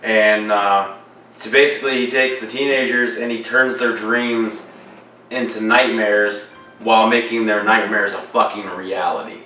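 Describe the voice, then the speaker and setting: With a lowish, steady voice that's pushed and bright, a young podcast co-host talks about horror films at a measured pace, rambling and swearing with lots of fillers. There's a little hiss or hum, room echo, distance from the mic, and faint background music.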